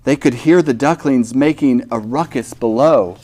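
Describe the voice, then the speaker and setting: A man's voice: medium pitch, measured pace, a little mellow. A man hosting a children's reading show, reading a picture book aloud expressively and asking the children questions.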